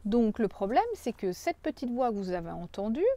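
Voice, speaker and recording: A woman coach speaking directly to viewers in a gentle, reassuring way, often repeating phrases for emphasis. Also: mid-range voice, animated, normal speed. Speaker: personal development coach. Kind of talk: coaching video addressed to viewers.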